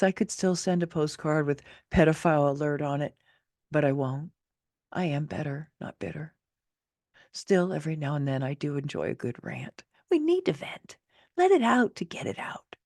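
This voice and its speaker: A woman narrates her own memoir in a candid, wry, conversational way, with casual asides throughout this expressive reading of her personal story. Her low-pitched voice is a little mellow. The recording is studio quality, without room sound.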